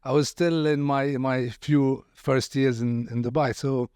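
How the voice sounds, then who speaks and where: A man's voice: mid-range voice, steady tone, measured pace, a little mellow, clean tone, dry recording, studio quality. A man hosting a podcast interview, welcoming his guest and asking questions with some hesitant restarts. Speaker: podcast host.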